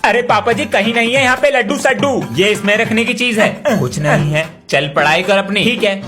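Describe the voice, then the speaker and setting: A man's voice: high-pitched, moderate pace, over music. A man acting out comic family skits, switching between a child and the grown-ups around him. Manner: switches between kid and adult voices, bantering. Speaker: comedy sketch creator. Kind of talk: comic skits playing several family roles.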